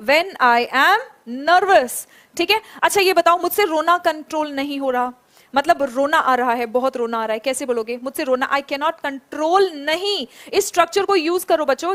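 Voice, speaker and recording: Woman teacher, high voice, slow drilled example phrases, encouraging online class. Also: a bit bright. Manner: drills phrases slowly, praises students by name. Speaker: English teacher. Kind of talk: online spoken English class.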